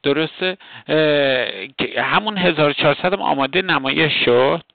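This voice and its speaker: Gravelly male radio interviewer. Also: a little high, dry recording, phone-quality sound. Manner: brief affirming replies between questions.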